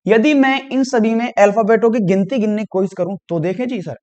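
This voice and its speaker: A man with a fairly high voice explains exam reasoning questions to his students one step at a time, often checking that they are following. The recording sounds dull and lo-fi, with the highs cut off. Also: a little fast, a little mellow. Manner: talks students through each step, often says "dekhiyega" and "theek hai ji". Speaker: reasoning teacher. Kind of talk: exam prep lesson.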